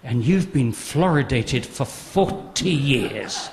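A man's voice: mid-range voice, lively intonation, slow pace, creaky, slight background noise, pitched below the performer's own voice. A man mimicking a smug male official in a put-on Irish accent, drawn out and mocking.

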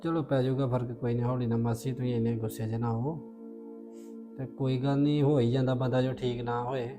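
A calm, soothing brother on a visit, politely turning down offers , played by a woman. The voice sits very low for her, with music clearly running beneath it. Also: fairly quick. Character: grown man, a gentle visiting brother.

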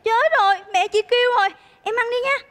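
A woman playing a gentle young girl who coos and sings to a pet fish in a stage comedy sketch. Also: very high-pitched, fast. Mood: cooing, tender. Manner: cooing, singsong.

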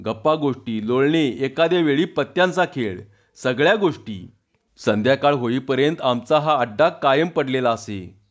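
A man reading a humorous village story aloud in a measured, even storytelling manner. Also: medium pitch, muffled recording.

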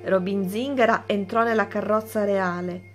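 A woman teacher reading a children's story aloud, slow and clear. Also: medium pitch, fairly even intonation, soft background music.

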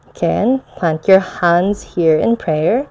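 A young woman teaching restorative yoga and guided meditation in a soothing, gentle manner. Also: fairly low pitch, animated, takes it slowly, muffled recording. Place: large bare indoor room with concrete floor. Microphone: chest-worn mic.

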